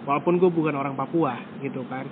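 A man from West Java with a mid-range voice and fairly even intonation speaks fast as he hosts a casual conversation, rambling in self-correcting runs full of fillers. The audio is tinny and phone-like, with clear background noise.

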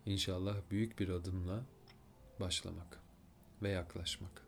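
A man leading a guided full-moon meditation, giving slow, soft-spoken breathing and relaxation instructions with long pauses. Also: low-pitched, steady tone, gravelly, slight background noise.

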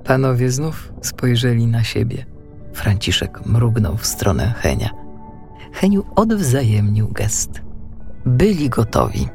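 Slow, expressive male storyteller. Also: medium pitch, creaky, faint music behind. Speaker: narrator. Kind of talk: storybook narration.

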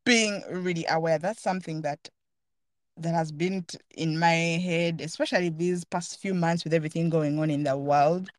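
A woman's voice: low-pitched, steady tone, moderate pace, no echo. Earnest woman podcaster, dry sound. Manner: earnest, thoughtful, searching for words. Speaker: podcast host. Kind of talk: casual reflective chat.

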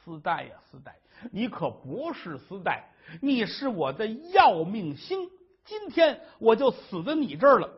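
A man's voice: high-pitched, sing-song, measured pace, breathy edge, dull audio, full character voice. A man voicing a distraught young wife who pleads through sobs. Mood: despairing. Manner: pleading, sobbing.

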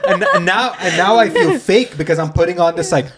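A man's voice: sits high, expressive, a little fast, a loud crowd. A man co-hosting a podcast, telling stories with laughter and casual swearing. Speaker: podcast co-host. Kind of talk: casual interview chat.

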